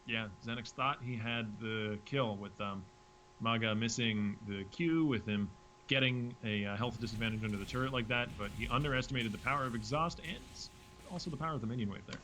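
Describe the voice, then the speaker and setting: A man calls a video game match play by play, quick and lively, with dry jokes. His voice sits at a middle pitch. A faint noise hums under the recording. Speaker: esports caster. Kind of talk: play-by-play commentary.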